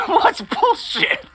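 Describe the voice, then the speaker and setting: A male stream host with a very high-pitched voice delivers lively, swooping chatter in a bright, forceful tone. He teases his co-host, reads viewer comments aloud and slides into crude, profane anecdotes during loose, casual talk.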